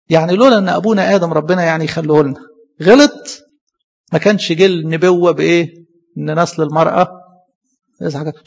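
A man with an Egyptian accent preaching a sermon. He asks his listeners questions, answers them himself, and quotes verses slowly and with weight. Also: high-pitched, gravelly, breathy edge. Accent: Egyptian Arabic. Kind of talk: sermon on scripture. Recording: dull, echoey hall recording.

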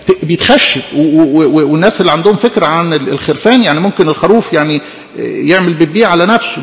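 A man preaching a sermon with an Egyptian accent, fervent and rising to emphatic outbursts, calling his listeners dear ones. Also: high-pitched. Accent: Egyptian Arabic. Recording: long hall reverb.

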